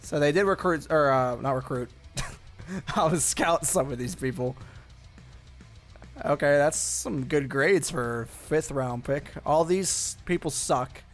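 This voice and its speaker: A young man talks his way through a football video game in a loose, rambling way, full of fillers and restarts. His voice sits a little higher than most men's. Faint guitar music plays quietly under him. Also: slow pace. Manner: rambling, thinking aloud with many fillers. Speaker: gaming YouTuber. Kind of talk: casual gameplay commentary.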